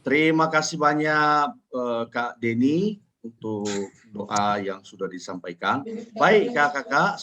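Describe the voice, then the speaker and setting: Male host introducing a speaker, polite and formal, mid-pitched. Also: fairly bright tone. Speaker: host and moderator. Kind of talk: event moderating.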